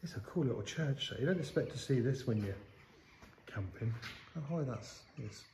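Middle-aged male vlogger wandering and chatting; mid-pitched, rambling, filmed on a handheld camera. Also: lively intonation, moderate pace, darkish tone, slight background noise. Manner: chatty, rambling, often restarting sentences. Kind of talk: casual walking vlog chat. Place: outdoors in a village and inside a small stone church. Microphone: handheld camera at arm's length.

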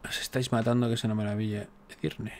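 This gaming YouTuber talks fast in a fairly low, flat voice, with a slight hiss or hum in the recording. His casual let's-play commentary on a strategy game is chatty and jokey, peppered with exasperated asides aimed at the game.

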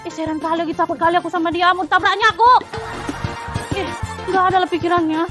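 A woman's voice: extremely high pitch, fairly even intonation, fast talker, music in the background. A woman playing a jealous, nagging young wife with a Medan accent, firing accusing questions at her husband in a comedy sketch. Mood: indignant. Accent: Medan Indonesian.

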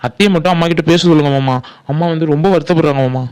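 A man's voice: a little high, a little mellow, clear, resonant tone, close to an everyday voice. A man voicing an earnest young village man in a cartoon, pleading and reassuring his aunt. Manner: pleading, reassuring, talks fast. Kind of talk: Tamil cartoon voice acting.

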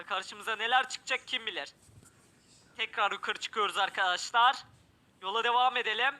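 Male gameplay commentator, very high, sharp tone, keeps yelping in alarm. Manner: exclamatory, often crying out in alarm. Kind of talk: excited let's-play commentary.

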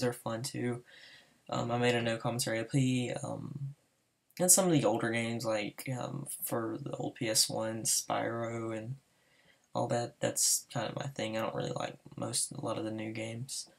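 This casual gameplay voice-over comes from a fifteen-year-old boy with a Southern US accent who's applying to a server; he sounds nervous and hesitates a lot. His male voice is mid-range with vocal fry.

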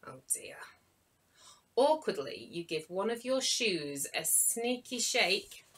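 A woman, a children's author, telling a story to young children with dramatic gasps and hushed asides. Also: mid-range voice, expressive, slow pace, husky.

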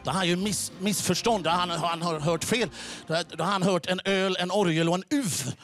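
Brief: high-pitched male comic, halting stand-up delivery, fillers and repeats. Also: fairly even intonation, background noise. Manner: halting, with many fillers and playful repetition. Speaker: stand-up comedian. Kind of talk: stand-up comedy routine. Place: comedy stage.

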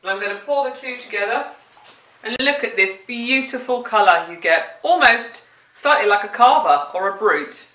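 A woman's voice: a little high, lively intonation, normal speed, bright, forceful tone. A woman presenting a cooking demonstration, chatty and playful, talking to the food as she goes. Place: home kitchen. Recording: roomy kitchen, mic at a distance.

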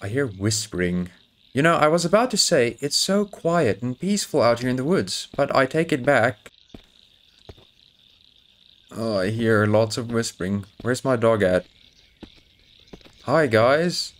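A man's voice: medium pitch, lively intonation, measured pace, pauses often. A man playing a horror game, joking nervously and chatting to his in-game dog as he goes. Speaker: gaming YouTuber. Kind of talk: horror game let's play commentary.

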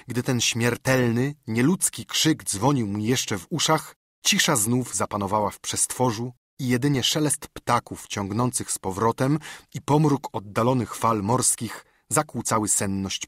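A man reading a novel aloud as an audiobook narrator in a measured, literary manner. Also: mid-range voice, fairly bright tone, breathy edge, dry recording, studio quality. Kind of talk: scripted narration.

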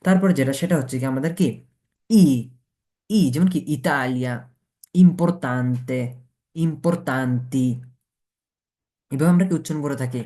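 A man's voice: mid-range voice, warm tone. Man teaching letter sounds. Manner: explains each letter slowly, asks and answers his own questions. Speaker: language teacher. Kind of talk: Italian pronunciation lesson taught in Bengali.

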